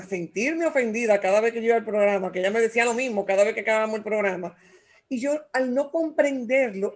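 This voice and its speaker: A woman, talking as a guest expert on communication in an animated, expressive way and acting out quotes. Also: on the high side. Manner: animated, acts out voices and quotes. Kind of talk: radio talk show conversation.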